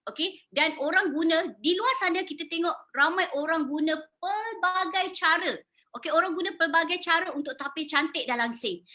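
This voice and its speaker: A woman's voice: very high voice, moderate pace, bright, forceful tone. A woman in her forties with a Malaysian accent, a beauty salon owner giving a persuasive sales presentation and putting questions to her audience. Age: 40s. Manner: persuasive, asks the audience questions, mixes in English words.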